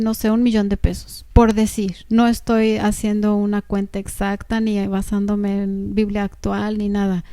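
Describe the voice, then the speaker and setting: Woman pastor, slow measured sermon, mellow smooth voice, dry sound. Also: a little high, dry recording. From Mexico. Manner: slow, measured, explanatory with rhetorical questions. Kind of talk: sermon reading and explaining scripture. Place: church service.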